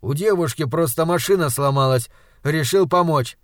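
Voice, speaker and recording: A man voicing a tired, passive young man in an audiobook, speaking flatly and resignedly. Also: fairly high pitch, moderate pace, no echo, studio quality, close to an everyday voice. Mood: weary.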